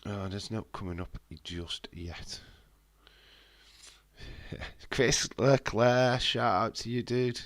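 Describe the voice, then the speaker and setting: On his live stream, a congested wrestling watch-along streamer talks casually and bluntly, swearing plenty while replying to viewers. He speaks slowly in a lowish voice, with long pauses and no echo.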